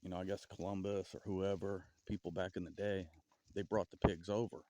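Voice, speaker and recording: A man with a Southern US accent vlogging outdoors in a forest, rambling and halting with stutters and restarts as he muses aloud. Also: sits low, flat delivery, dark tone. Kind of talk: casual outdoor vlog musing.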